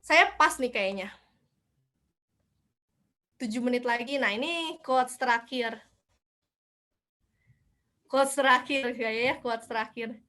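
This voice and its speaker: A woman's voice: on the high side, slow pace, pauses often, bright, forceful tone. A young woman giving a casual online lecture, chatty, asking herself questions and answering them. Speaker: speaker at a student seminar.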